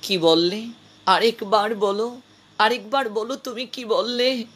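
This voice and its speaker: A man voicing a remorseful young courtesan who begs a saint for forgiveness, in a drawn-out, pleading, self-reproaching manner. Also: high voice, fairly even intonation, fairly bright tone, husky, voice pushed up, full character voice. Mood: astonished.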